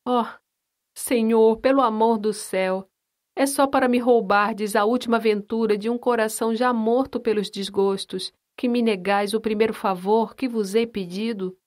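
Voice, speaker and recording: Woman playing a tender martyred mother, soft and plaintive. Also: a little high, steady tone, moderate pace, close to an everyday voice. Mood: anguished. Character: gentle, suffering noble wife and mother.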